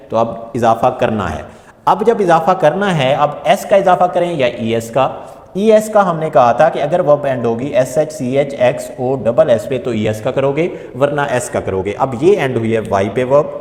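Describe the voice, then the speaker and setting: A man teaching a spoken English lesson, spelling words out letter by letter and stating rules slowly and deliberately. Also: medium pitch, animated, darkish tone. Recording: echoey room with long reverb.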